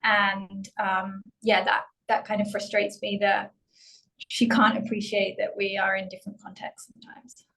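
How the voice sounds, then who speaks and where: A woman's voice: medium pitch, little pitch movement, moderate pace, fairly bright tone, poor audio. A pregnant woman from the UK, hesitantly explaining her experience in a group. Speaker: workshop participant.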